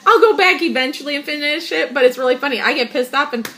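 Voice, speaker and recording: Middle-aged woman host, slightly high, frank and emphatic in a casual chat. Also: quick pace, fairly bright tone. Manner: emphatic, frank, laughs often.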